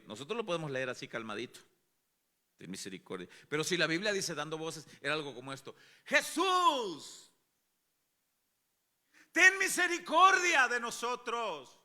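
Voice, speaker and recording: Animated, forceful pastor. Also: male voice, mid-range voice, fast talker. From Mexico. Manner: dramatizes scripture, questions the congregation. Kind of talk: sermon.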